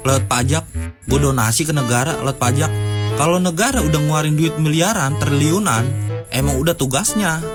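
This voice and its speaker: A man's voice: on the high side, a little fast. A man in a heated, crude rant hurling insults at officials. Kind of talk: angry commentary rant. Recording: loud music underneath.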